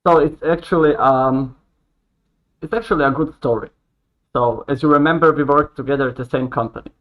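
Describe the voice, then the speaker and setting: A man in his late twenties, raised in Croatia, speaks as a podcast guest in a fairly high voice. He talks earnestly and haltingly, often starting sentences over, and the audio comes through dull and lo-fi. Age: 20s. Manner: earnest, halting, with frequent restarts. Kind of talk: casual conversation. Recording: dull lo-fi sound.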